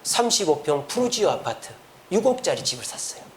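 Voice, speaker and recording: A man's voice: on the high side, big pitch swings, fairly quick, slight background noise. A man preaching a sermon as pastor, telling a story with acted quotes in a church. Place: church sanctuary.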